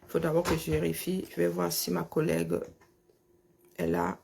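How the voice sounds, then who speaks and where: A woman with a lisp that makes her s sounds slushy, chatting casually and haltingly, often repeating words as she thinks. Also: on the low side, flat delivery, a little mellow, a little hiss or hum. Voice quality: husky, creaky voice. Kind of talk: casual chat, talking to herself and on a phone call.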